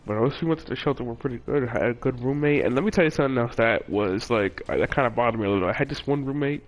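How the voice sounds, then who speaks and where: Talking very fast in a mid-range voice, a young man rambles through a personal story in vlogger fashion. He keeps restarting, correcting himself, and leaning on filler words.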